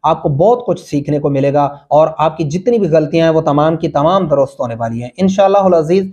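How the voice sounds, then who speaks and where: A man's voice: fairly high pitch, animated, darkish tone, highs cut off. A man teaching Quran reading, spelling out letters and vowel marks patiently and chanting the words drawn out. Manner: slow, patient drilling, sings recited phrases drawn out.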